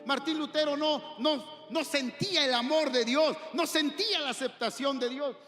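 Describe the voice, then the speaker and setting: Mexican pastor guy preaching hard, really high bright voice, echoey church hall w faint music. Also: moderate pace. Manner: impassioned preaching, rising to shouts, questions to the congregation. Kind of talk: sermon.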